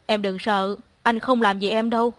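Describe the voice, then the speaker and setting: A soft, coaxing young man, voiced by a woman. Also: medium pitch, fairly even intonation, moderate pace, no echo, lightly acted. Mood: tender, pleading. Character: gentle devoted young man pleading tenderly.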